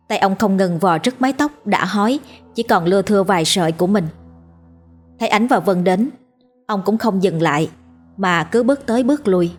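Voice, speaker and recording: A woman narrating a ghost story in a steady, scripted storytelling manner. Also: mid-range voice.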